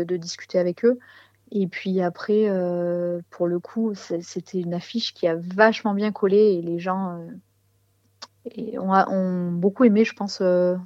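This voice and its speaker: A woman's voice: lowish voice, mellow, no echo, dull audio. A woman answering as a musician in a casual interview, hesitantly searching for words.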